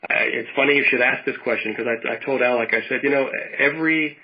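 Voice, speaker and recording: A man in his fifties from Western Pennsylvania, talking in an easy, rambling way and circling back on his words as he co-hosts a casual chat. His voice sits at an ordinary middle pitch. The sound is dull and lo-fi, like call audio. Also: fast. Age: 50s. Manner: rambling, warm storytelling with many restarts. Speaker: podcast co-host.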